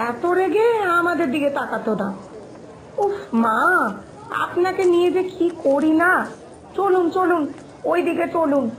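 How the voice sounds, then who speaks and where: A woman voicing an exasperated young village daughter-in-law in a cartoon, who scolds her mother-in-law for talking too loudly. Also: high voice, low-quality recording. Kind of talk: Bengali cartoon voice acting.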